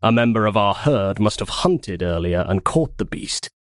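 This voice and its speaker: A man reading a first-person novel as an audiobook with expressive storytelling. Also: lowish voice, moderate pace, dry recording, clean studio sound. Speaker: audiobook narrator.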